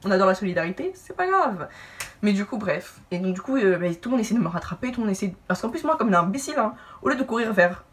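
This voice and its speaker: A young woman telling a personal story to camera in a casual, animated way, acting out what others said. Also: medium pitch, fast talker, far from the mic. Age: young adult. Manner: animated, lively asides and acted-out quotes. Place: indoor room, brick wall behind.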